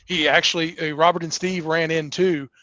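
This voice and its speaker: A man's voice: on the high side, fairly even intonation, moderate pace, pushed and bright, dry recording. A middle-aged man, a wrestling promoter, talking earnestly in a casual interview, often restarting his sentences. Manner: earnest, rambling with many restarts.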